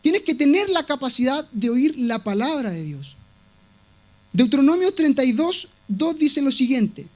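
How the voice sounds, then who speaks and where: A man's voice: very high voice, big pitch swings, a little slow. A male pastor preaching a sermon with emphatic delivery, repeating key words for weight. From Latin America.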